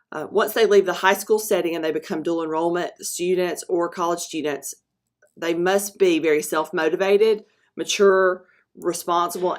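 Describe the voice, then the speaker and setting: This is a woman narrating a screen recording as a school presenter. Her voice sits a little low for a woman, and she talks in a halting way, stopping for ums and fixing her own words as she goes. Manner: halting, with frequent ums and self-corrections. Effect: narration recorded over a screen recording. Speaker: school dual enrollment presenter.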